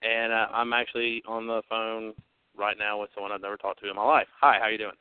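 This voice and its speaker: A man's voice: lowish voice, flat delivery, fairly quick, clean tone, dry recording. A man hosting a podcast, talking casually over a phone line with chatty, rambling energy. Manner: chatty, upbeat, rambling with fillers. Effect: heard over a phone line. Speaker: podcast host. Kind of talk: casual chat. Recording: narrow phone-line sound, dry.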